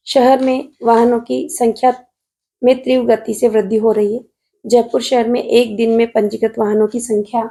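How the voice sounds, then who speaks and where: Gravelly-voiced Rajasthani woman teacher, calm. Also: on the high side. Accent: Rajasthani Hindi. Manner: calm, patient, calls students "beta". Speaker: math teacher. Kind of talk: solving a model exam paper on video.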